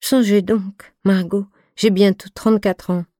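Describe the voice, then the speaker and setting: A woman's voice: medium pitch, fairly even intonation, unhurried, mellow, dry recording, studio quality, lightly acted. A woman reading the part of a tired thirty-four-year-old woman in love, speaking in an imploring, emotional way. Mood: plaintif. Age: 30s. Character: femme de trente-quatre ans, fatiguée et amoureuse.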